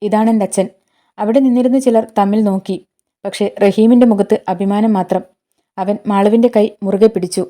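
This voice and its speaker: A woman narrating a scripted emotional story in a calm, measured reading. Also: mid-range voice.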